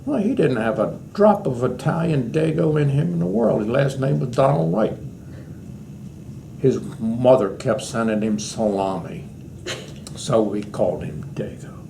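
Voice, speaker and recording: A man's voice: medium pitch, lively intonation, measured pace, vocal fry. An American man in his eighties, an old veteran remembering his service in a rambling, anecdotal way during an interview. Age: 80s. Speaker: war veteran being interviewed. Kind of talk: reminiscing in an oral history interview. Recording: noisy interview recording with room ambience.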